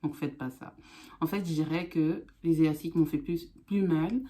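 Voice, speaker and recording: A woman's voice: sits low, normal speed, mellow. A woman vlogger chatting casually to camera, her speech affected by newly fitted braces.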